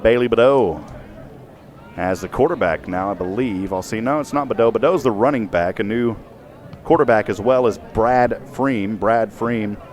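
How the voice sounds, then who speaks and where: Excitable man calling a football game. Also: on the low side, moderate pace. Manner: excitable, rising to shouts on big plays. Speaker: play-by-play announcer. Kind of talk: live football commentary.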